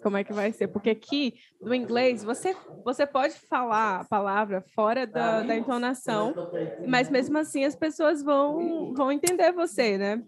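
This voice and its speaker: A woman's voice: a little high, moderate pace, crowd noise. A woman, hosting a casual podcast chat and asking her guest questions. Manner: chatty, asks questions. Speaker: podcast host.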